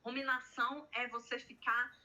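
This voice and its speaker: A woman's voice: a little high, little pitch movement, normal speed, sharp tone, rough recording. A Brazilian woman, a psychologist, chatting as a guest and explaining with personal stories. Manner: explanatory, tells personal anecdotes. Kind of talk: casual conversation.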